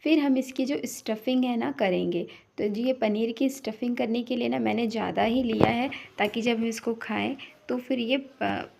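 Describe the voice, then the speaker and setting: Woman, recipe voice-over, step-by-step, gravelly fry. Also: on the high side, moderate pace, hardly any pauses, darkish tone. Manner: step-by-step, easygoing explaining. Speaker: vlogger.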